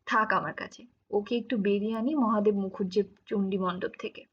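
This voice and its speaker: A woman voicing a gentle, teasing middle-aged village husband in an audiobook, speaking with patient coaxing. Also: mid-range voice, steady tone, a little fast, slightly rough, lo-fi sound, close to an everyday voice.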